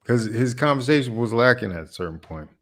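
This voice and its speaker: A man's voice: mid-range voice, animated, fairly quick, fairly bright tone. A man hosting a reaction video, commenting casually on a clip and laughing often, repeating his phrases.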